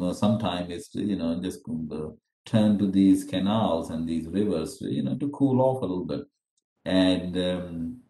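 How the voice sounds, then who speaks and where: A middle-aged man from Pakistan gives an unscripted webinar lecture over a video call, full of fillers and restarts. His voice is deep, creaky and dark-toned, picked up by a webcam microphone in an echoey room.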